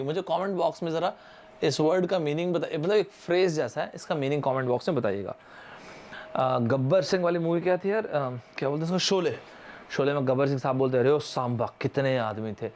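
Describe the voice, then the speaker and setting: This is a young man from India leading a live vocabulary lesson for exam aspirants. His voice sits a little on the high side. He talks in a loose, chatty way, spells words out letter by letter and keeps inviting viewers to answer in the comments. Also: a little mellow. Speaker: online vocabulary teacher.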